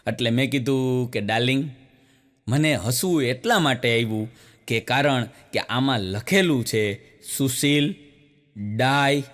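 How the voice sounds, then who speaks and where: A man with a Gujarati accent telling folksy comic stories as a stand-up comedian, animated, jumping up to a higher pitch when he voices the women in his jokes. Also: measured pace.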